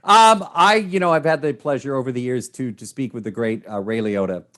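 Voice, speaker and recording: A man interviewing in a chatty, effusive and energetic way, with choppy bursts of questions. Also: mid-range voice. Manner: effusive, energetic, choppy fast-starting delivery. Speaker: entertainment interviewer.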